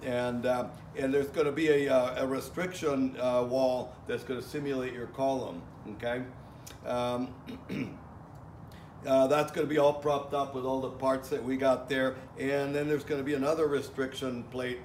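A man's voice: mid-range voice, little pitch movement, normal speed, a little mellow. Plainspoken middle-aged male welding instructor. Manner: plainspoken, many fillers and restarts, salty asides. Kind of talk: casual outdoor lecture. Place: outdoor welding yard. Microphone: far camera. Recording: echoey, from a distance, faint ambient noise.

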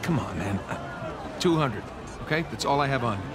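A man's voice: mid-range voice, animated, a little fast, crowd noise, noisy background, lightly acted. A man playing a wry, easygoing American treasure hunter with casual banter, in naturalistic video game style. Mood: haggling. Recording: game music behind the voice.

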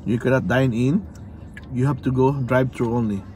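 A middle-aged Filipino-accented man talking casually from inside a car, his voice sitting at an ordinary pitch for a man. He coaxes and prompts in a patient, fatherly way. Faint car and street noise hums behind him. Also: fairly even intonation, moderate pace, a little mellow. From Philippines. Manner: coaxing, prompting a child to repeat phrases. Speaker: father and vlog host. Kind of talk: casual family vlog chat. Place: inside a car at a drive-through.

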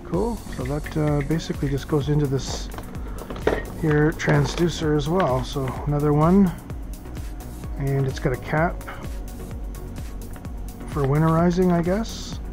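Music plays in the background as a boating vlogger rambles through a casual unboxing in his small office, captured by a head-mounted camera. He thinks out loud with many fillers, speaking unhurriedly in a fairly high voice and pausing often.

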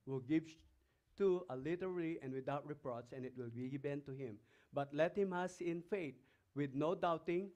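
A man's voice: a little high, a little mellow. A man with a Filipino accent preaching a sermon as pastor, reading scripture aloud and putting emphatic questions to the congregation. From Philippines. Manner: reads scripture passages aloud between remarks.

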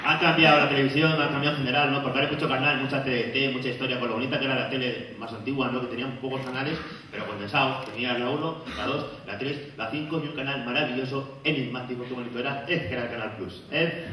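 A man's voice: mid-range voice, steady tone, very fast, noisy background. A man León doing a stand-up comedy monologue, joking and acting out the voices of people in his stories on a stage before a live audience. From León, Spain. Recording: echoey hall, far off, audience.

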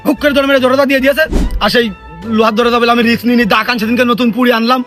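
A man's voice: extremely high pitch, steady tone, racing, fairly bright tone, faint music behind. A man voicing a boastful, cowardly young male thug who rambles and pleads with excuses in a comic sketch. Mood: pleading.

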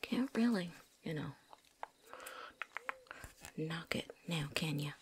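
A folksy veteran vampire hunter, put on by a woman in a whispered role-play, drawling through a put-on accent with easy slang. The voice sits low and gravelly, and faint noise hangs behind it. She chats on and on, talking around something in her mouth. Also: expressive, slow, heavily acted. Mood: chatty, wry. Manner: chatty, talks with something in mouth.

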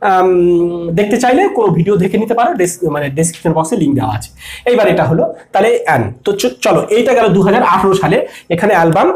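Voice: medium pitch, a little mellow. Patient teacher in an echoey room. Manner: explains patiently, asks questions and answers them. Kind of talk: exam-prep lesson.

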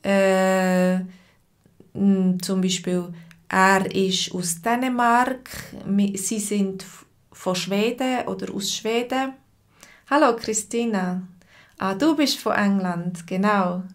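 A woman's voice: medium pitch, steady tone. A woman in her thirties with a Swiss German accent, giving a live-stream language lesson from home at her webcam and answering viewers by name. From Switzerland. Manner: slow, patient, repeats phrases and answers chat viewers by name. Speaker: language teacher.

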